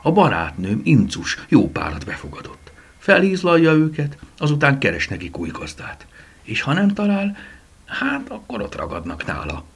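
A man voicing a curious, excitable elderly woman who plays amateur detective in a storybook reading, with high, exclaiming lines. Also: creaky, breathy edge, full character voice. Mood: amazed.

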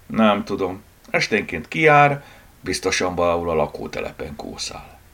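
A man's voice: deep voice, sing-song, creaky, fairly bright tone, exaggerated voice. A man voicing a shy, awkward young man in a story, speaking politely and hesitantly.

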